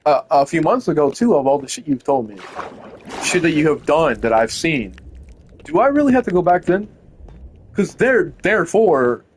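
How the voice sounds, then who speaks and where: A young man talks on a live stream, arguing with an AI and swearing in disbelief. His voice is a bit husky and sits on the higher side, swinging widely in pitch as he pushes back. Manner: argumentative, swearing, incredulous. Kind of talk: casual live-stream talk.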